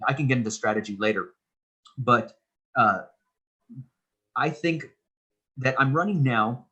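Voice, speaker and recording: A man in his thirties, a political candidate, is being interviewed in a casual way and earnestly lays out his views at length, often restarting his sentences. His mid-range voice is husky and unhurried with a sharp tone. The audio quality is poor.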